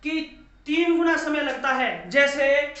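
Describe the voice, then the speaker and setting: A high-pitched man lectures slowly, repeating each point and answering his own questions. His voice sounds bright and clear. The recording is dull and lo-fi, with heavy echo from the classroom. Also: animated, faint music behind. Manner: drawls long vowels to demonstrate. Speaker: teacher. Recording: echoey room, dull lo-fi sound.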